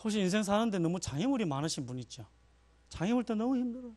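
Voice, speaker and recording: A man's voice: high-pitched, sing-song, very fast, a little mellow. A male pastor giving a chatty sermon, telling personal stories and laughing at himself. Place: church.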